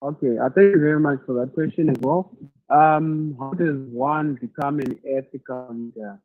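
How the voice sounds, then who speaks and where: A man from Zimbabwe answering questions in an online masterclass, thoughtful and halting, often repeating words as he searches for them. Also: on the high side, no echo. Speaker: leadership speaker answering questions. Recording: tinny phone-like audio.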